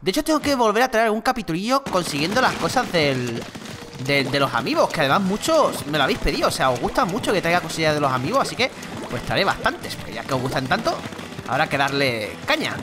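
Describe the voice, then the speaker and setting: A gaming channel host with a Spain Spanish accent giving chatty, excitable gameplay commentary. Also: medium pitch, fast talker, over music. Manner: excitable, chatty, exclaims and laughs during play.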